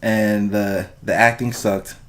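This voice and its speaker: A man's voice: lowish voice, little pitch movement, takes it slowly, fairly bright tone. A man hosting a casual podcast, informal and loose with language, speaking straight to his listeners. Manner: informal, profane, addresses listeners directly. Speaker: podcast host.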